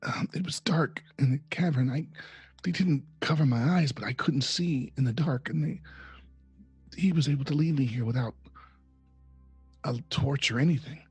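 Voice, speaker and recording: A man voicing a frightened young woman held captive in a tabletop game, talking in an anxious, hurried way. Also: medium pitch, darkish tone, husky, dry recording, soft background music.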